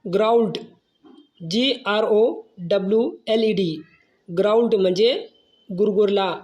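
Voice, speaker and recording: A teacher giving a slow vocabulary lesson, spelling each word letter by letter and then giving its meaning. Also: mid-range voice, steady tone, darkish tone, dull audio.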